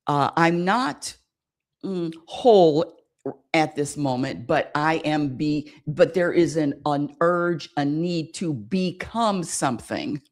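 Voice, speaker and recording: Her voice sits low with a darkish tone as this American woman hosts a spirituality radio program. In a repetitive, searching monologue, she often calls for her audience's affirmation.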